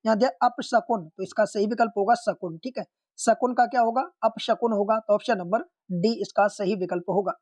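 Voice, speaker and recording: Hindi exam-prep teacher, online lesson, steady explanations, middling pitch, dry close sound. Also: fairly quick, no echo. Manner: steady explanatory tone, often says "okay" and "see"; addresses viewers as friends. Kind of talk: online lesson solving test questions.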